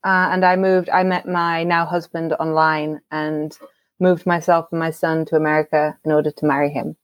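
English woman, slightly low, dry sound. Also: flat delivery, moderate pace, dry recording, lo-fi sound. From England. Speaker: podcast guest. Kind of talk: casual conversation.

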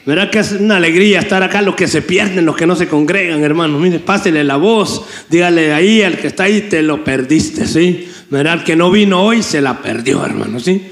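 Male pastor, high fervent voice, call-and-response sermon, echoey sanctuary. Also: brisk, hardly any pauses. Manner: fervent, rhetorical, keeps asking the congregation to repeat. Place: church sanctuary. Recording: echoey church hall.

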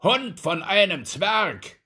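A man reading a fairy tale, voicing a proud, hot-tempered duke in a loud, pompous, commanding voice. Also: mid-range voice, expressive, measured pace, breathy edge, heavily acted. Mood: furious.

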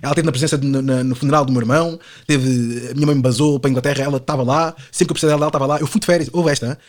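In a mid-range voice with fairly even intonation, a twenty-something man fires off his words rapidly. He's a podcast guest with a European Portuguese accent, rambling casually in Lisbon slang with fillers and tag questions.

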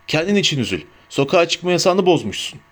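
Menacing dark-wizard enforcers , voiced by a man, issuing curt threats in a slightly raised voice. They sound cold and clipped, characters in an audiobook. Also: fairly high pitch, big pitch swings, quick pace. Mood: threatening.

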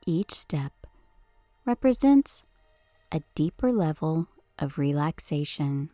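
Slow, soothing woman counting down in hypnosis. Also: low voice, big pitch swings, mellow, no echo, soft background music. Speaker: hypnosis podcast host. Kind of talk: guided hypnosis session.

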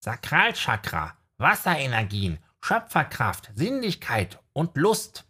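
A small owl familiar with a pedantic, know-it-all streak, as a male narrator puts him on for an audiobook. The voice sits high and perky, with a husky, breathy grain under it. He chirps his remarks like a fussy little professor. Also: big pitch swings, moderate pace, a bit bright, full character voice. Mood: guiding. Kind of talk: audiobook character voice.

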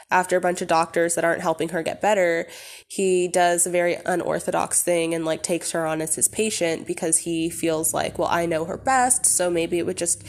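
A woman hosting a podcast in a casual, candid personal monologue, rambling with lots of fillers and swearing freely. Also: fairly low pitch. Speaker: podcast host.

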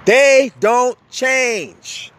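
A man's voice: very high voice, drawn-out words, fairly bright tone. A man hosting a podcast, delivering a fiery, blunt and profane monologue, hammering his points home by repeating them. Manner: emphatic, repeats points for force. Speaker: podcast host. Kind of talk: impassioned monologue.

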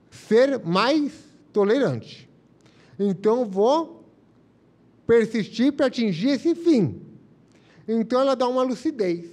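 A man's voice: high voice, a little mellow. A man giving a live spiritist lecture, reflective and explaining through first-person examples. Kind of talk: live religious talk.

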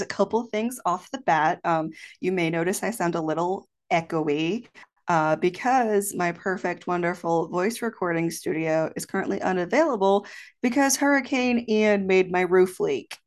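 A woman's voice: lowish voice, lively intonation, unhurried. A woman co-hosting a podcast in casual chat, frank and outspoken, recorded in an echoey home office rather than her usual booth. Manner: frank and outspoken, swears freely. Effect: echoey room sound. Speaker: podcast co-host.

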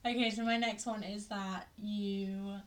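A young woman, co-hosting a podcast in casual chat, giggly and animated as she tells stories. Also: medium pitch, unhurried. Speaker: podcast co-host.

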